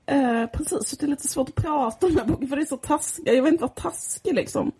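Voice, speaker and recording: A woman's voice: high voice, mellow. A woman chatting casually in a hesitant, agreeable way, careful not to sound mean. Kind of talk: casual chat.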